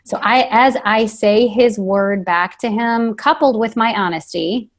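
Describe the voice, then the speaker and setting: A woman's voice: fairly high pitch, measured pace. A woman being interviewed as a guest author, talking in a casual, earnest and reflective way, often saying "like" as she thinks aloud.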